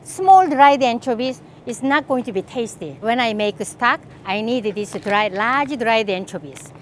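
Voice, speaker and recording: A woman's voice: fairly high pitch, expressive, unhurried, a little hiss or hum. A middle-aged woman from Korea with a Korean accent, chatting enthusiastically as she walks through a grocery store and shows products to the camera. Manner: chatty, enthusiastic, laughs often. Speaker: cooking channel host. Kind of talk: casual shopping walkthrough. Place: large grocery store aisles, indoors.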